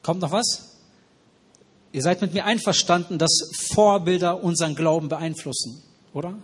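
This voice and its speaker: Husky-voiced man preaching a sermon. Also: on the high side, fairly even intonation, moderate pace. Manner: asks the congregation questions and repeats their answers. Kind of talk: interactive sermon. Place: church hall with noisy ventilation.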